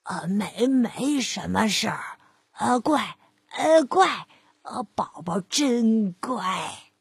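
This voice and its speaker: A woman's voice: mid-range voice, big pitch swings, slow pace, vocal fry, husky, no room sound, clean studio sound, pitched below the performer's own voice, heavily acted. A woman voicing a timid, hungry old male wolf who stammers and mumbles in fear, in a storybook reading. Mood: flustered.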